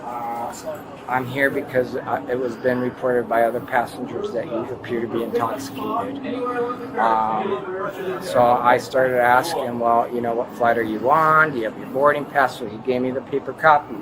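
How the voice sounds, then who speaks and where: A man working at an airport recounts an incident to police in a halting, rambling way, acting out what was said, recorded on a body camera. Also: a loud crowd. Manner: halting, rambling, acts out his own quoted words. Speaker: airport airline worker giving a witness account. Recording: noisy body camera audio, vehicle rumble.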